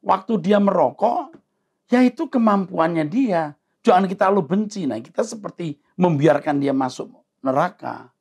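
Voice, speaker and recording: Creaky-voiced man, a pastor giving advice. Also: high-pitched, expressive, normal speed, darkish tone. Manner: earnest, emphatic counselling. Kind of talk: answering listener questions on the Bible.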